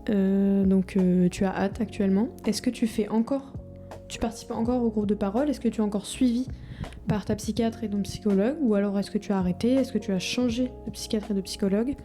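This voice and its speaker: Speaking a little fast but in a steady, mellow tone, this medium-pitched woman in her 20s chats hesitantly into her video diary as though her future self were listening. A camera-front microphone records her, and music plays in the background.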